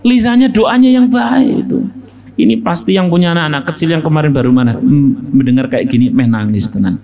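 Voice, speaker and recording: A young man with a Javanese accent giving a casual sermon on a classic book, joking and lively, slipping into Javanese and acting out quotes. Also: fairly high pitch, fairly quick. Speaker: Islamic preacher teaching a classic book.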